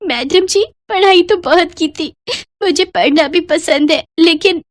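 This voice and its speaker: A woman's voice: high voice, fairly even intonation, slow, no echo, studio quality. A woman voicing a shy, eager young schoolgirl in a cartoon, speaking politely and timidly. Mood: sad. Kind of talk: cartoon voice acting.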